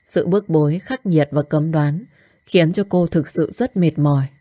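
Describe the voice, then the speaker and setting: A woman narrating a storybook in a calm, measured way. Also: low voice, no echo, studio quality.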